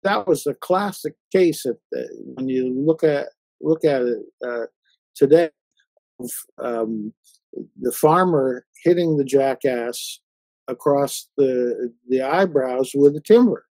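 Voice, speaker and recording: A man hosting a conversational interview, talking haltingly with many fillers and restarts. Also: mid-range voice, warm tone, no room sound, poor audio. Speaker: interview host.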